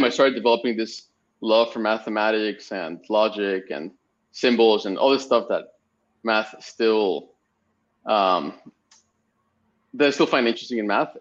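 A man in his twenties from Spain, a podcast guest telling his story casually with many fillers. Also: lowish voice. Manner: rambling storytelling with frequent fillers. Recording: slightly dull lo-fi audio.

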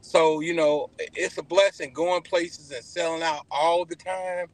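A man with a Southern US accent telling stories casually as an interview guest, animated and folksy, repeating phrases for emphasis. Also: a little high, a little slow, no room sound, rough recording. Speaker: podcast guest, barbecue pitmaster.

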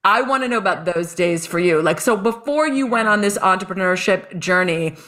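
A woman's voice: medium pitch, expressive, moderate pace, fairly bright tone. Middle-aged woman hosting a podcast, gushy chatty talk, announcer-ish intro read. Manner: chatty and effusive, announcer-style intro reading. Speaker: podcast host. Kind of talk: casual podcast interview.

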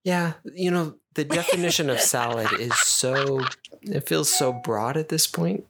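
A man's voice: on the high side, unhurried, very noisy. A man in his thirties co-hosting a casual chat, telling rambling stories with plenty of ums and uhs. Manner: easygoing, rambling storyteller with frequent fillers. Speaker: podcast co-host.

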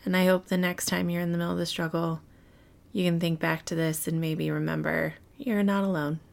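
A woman's voice: on the low side, little pitch movement, fairly quick, creaky. A woman hosting a solo podcast, talking casually and candidly straight to her listeners in a chatty way. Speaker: podcast host. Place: bedroom, recorded lying in bed.

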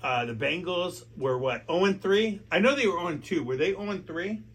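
A man's voice: sits high, lively intonation, moderate pace, a bit bright. An American man who has been drinking, hosting a casual sports chat, emphatic and repetitive, stumbling over his words. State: drunk. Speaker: sports talk show host. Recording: clear background noise.

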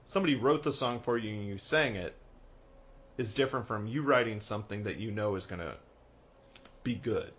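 A man co-hosting a podcast in casual chat, rambling and animated, laughing often. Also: fairly low pitch, brisk, long pauses, lo-fi sound, a little hiss or hum. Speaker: podcast co-host.

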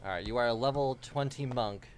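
Man running a tabletop game, laid-back, slow narration, mid pitch. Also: a little hiss or hum. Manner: relaxed, laughing, slow deliberate narration. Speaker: game master.

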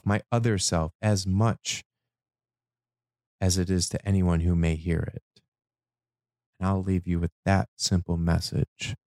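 A deep-voiced man recites spoken-word poetry at a slow pace. His delivery is dramatic and deliberate, broken into short measured phrases. The sound is dry and close, with a gravelly fry in the voice. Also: darkish tone, no room sound. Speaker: podcast host.

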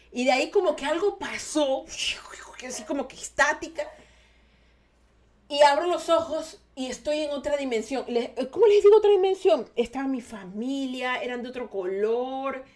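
A young woman hosting a podcast, telling a personal story in an animated way, often breaking off and restarting and quoting her own thoughts. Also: fairly high pitch. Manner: animated, self-interrupting, restarts and quotes herself. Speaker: podcast host. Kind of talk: casual storytelling monologue.

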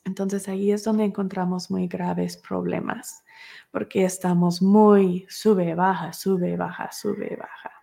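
A woman's voice: mid-range voice, level tone, takes it slowly, creaky, warm tone. A woman teaching a class, explaining with everyday examples and repeating words for emphasis. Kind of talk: recorded class lesson.

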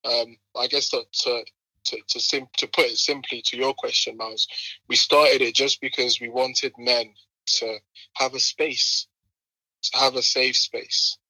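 Bright-voiced young London man, roadman slang. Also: medium pitch, measured pace, husky, dry recording, poor audio. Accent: London, urban multicultural roadman slang. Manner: slangy, animated retelling with quoted exchanges. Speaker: podcast guest, running group co-founder. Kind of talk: casual conversational storytelling.

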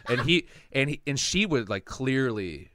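A man's voice: mid-range voice, sing-song, a little slow, bright, forceful tone, slight background noise. A man telling a long personal story in casual podcast chat, rambling and profane, acting out what people said. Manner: rambling, profane, acts out quotes.

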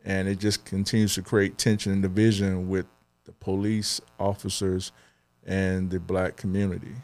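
A man's voice: sits low, flat delivery, moderate pace, darkish tone. A young adult man co-hosting a podcast, talking earnestly in casual chat, with many fillers and restarts. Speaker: podcast co-host.

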